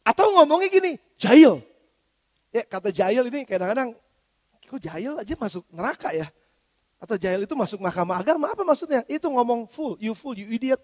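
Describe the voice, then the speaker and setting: Male pastor, very high-pitched, lively sermon, long church-hall reverb. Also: fast. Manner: lively preaching, acts out quoted speech in slangy Jakarta style.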